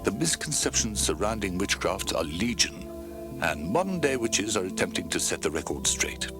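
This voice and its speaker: A man narrating a documentary in a dramatic, scripted way with slow ominous pauses, heard from an old VHS tape. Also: sits low, very animated. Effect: old VHS tape sound. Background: music.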